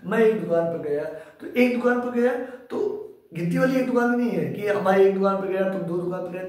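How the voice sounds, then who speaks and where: A man with a high, mellow voice lectures on English grammar to a class, posing questions repeatedly and answering them himself. The mic is far off in an echoey room.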